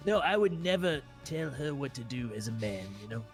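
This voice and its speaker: A man's voice: mid-range voice, animated, normal speed, soft background music, close to an everyday voice. A man playing a deputy in a game roleplay, joking in a mock-grand, bossy way.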